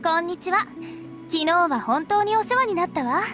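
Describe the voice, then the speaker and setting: A woman's voice: very high voice, animated, fast talker. A woman voicing a cheerful, carefree young vampire woman in a game, speaking in a playful, teasing way. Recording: game audio with music behind.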